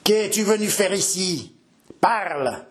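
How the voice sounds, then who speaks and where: A man's voice: high-pitched, animated, takes it slowly, pitched above the performer's own voice. A man voicing a ruined old captain, roaring threats in a fury. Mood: furious.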